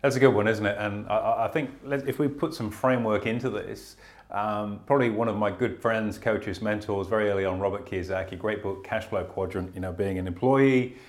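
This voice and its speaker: Low-voiced man hosting a talk show. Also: steady tone, brisk. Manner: earnest, self-correcting, stammers on restarts. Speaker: host. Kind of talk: casual podcast chat about investing.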